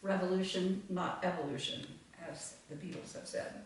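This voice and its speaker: A woman's voice: on the low side, fairly even intonation, normal speed, slight background noise. A woman leading a full moon meditation group, talking reflectively to a live audience and meandering with many fillers. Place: meeting room with audience. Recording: echoey room, far from mic.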